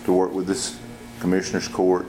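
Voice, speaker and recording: Very low-voiced man praying, echoey room. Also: completely flat delivery, normal speed, a little mellow. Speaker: county commissioner giving an invocation. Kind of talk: public prayer. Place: indoor county meeting room. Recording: echoey meeting room, faint noise.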